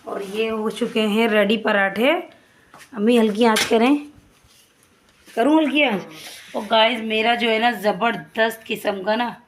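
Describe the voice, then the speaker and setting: A woman's voice: a little high, fairly even intonation, unhurried, roomy sound, recorded from a distance, a little hiss or hum. A woman from Pakistan, chatting to viewers in a home vlog while she cooks in her kitchen at night. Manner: chatty, pious, talks to viewers while cooking. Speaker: vlogger. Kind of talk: casual home vlog narration.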